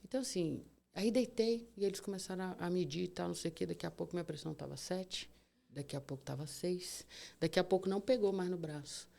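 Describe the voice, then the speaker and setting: Female guest, gravelly lower voice, lively storyteller. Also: quick pace. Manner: vivid, animated retelling with acted-out dialogue and sound words. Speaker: guest, cancer survivor. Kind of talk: emotional storytelling in a podcast interview.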